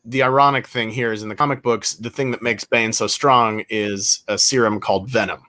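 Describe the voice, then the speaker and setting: A man's voice: fairly low pitch, steady tone, normal speed, bright, forceful tone. A middle-aged man hosting a casual group podcast chat, talking in a rambling way full of fillers. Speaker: podcast host.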